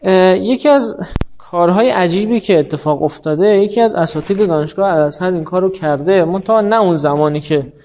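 Higher-voiced male teacher lecturing. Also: a little mellow. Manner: explains patiently, quizzes students, stretches quoted words. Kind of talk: classroom lecture on grammar. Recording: muffled lo-fi classroom recording.

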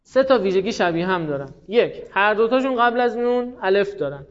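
High-voiced male grammar teacher, lo-fi. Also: lively intonation. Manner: explains patiently, recites verb conjugations in rapid drills. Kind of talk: classroom lecture. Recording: dull lo-fi sound.

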